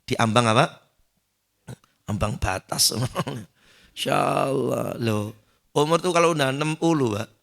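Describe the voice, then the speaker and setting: A male preacher giving an animated dawn sermon in a mosque, acting out shouted pleas and joking with the congregation. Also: mid-range voice, measured pace, gravelly, long pauses.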